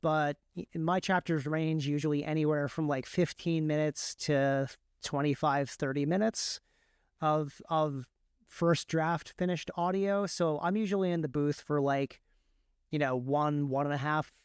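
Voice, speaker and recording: This indie author and audiobook narrator, appearing as an interview guest, has a clear, resonant voice pitched a bit high. He casually explains how he works, reworking his phrasing as he goes, in a steady tone at a measured pace. The recording is dry and close.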